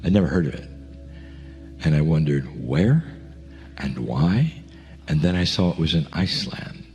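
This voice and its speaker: A man's voice: very deep voice, expressive, normal speed, warm tone, soft background music. A man answering questions in a reflective, conversational, storytelling way. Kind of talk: casual chat.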